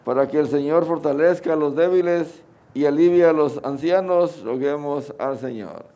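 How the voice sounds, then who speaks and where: Higher-voiced middle-aged Mexican priest. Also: male voice, normal speed, dark tone. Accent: Mexican Spanish. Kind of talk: sermon and prayers at Mass. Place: outdoors under a canopy at an altar.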